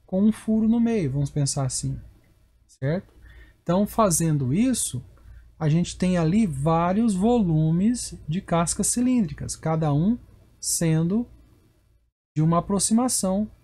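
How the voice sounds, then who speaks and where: A man with a Brazilian Portuguese accent teaches a recorded math lesson. His voice is dark and a little husky. He explains step by step and keeps asking whether the listener is following. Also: on the high side. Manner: explanatory, keeps checking in with the viewer. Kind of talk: recorded whiteboard lecture.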